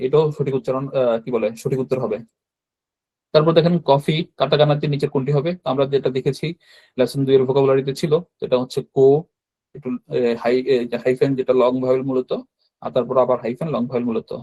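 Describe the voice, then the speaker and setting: A man teaching a language class over a video call, explaining quiz answers with frequent fillers and quick self-corrections. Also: medium pitch, dark tone, lo-fi sound. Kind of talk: online class lesson.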